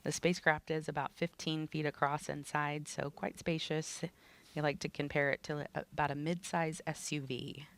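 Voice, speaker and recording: Female broadcast commentator, conversational explainer, plain-spoken, with a creaky edge. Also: sits low, flat delivery, normal speed, a bit bright.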